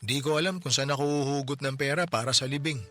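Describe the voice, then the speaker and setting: Lightly acted with a medium, slightly bright voice and faint music in the background, this Tagalog radio drama role has a Filipino man playing a tricycle driver whose family has just died. The poor widower sounds weary and bitter about justice, speaking slowly on the words he stresses.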